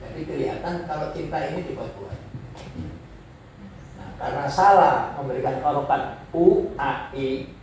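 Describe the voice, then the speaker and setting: A man lectures a class in a fairly high voice, working through Arabic phrases slowly and repeating them to show their rise and fall. He sounds far from the mic, in a very echoey room with a faint hiss underneath. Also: darkish tone. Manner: explains slowly, repeats Arabic phrases with rising and falling intonation. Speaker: teacher of Arabic grammar.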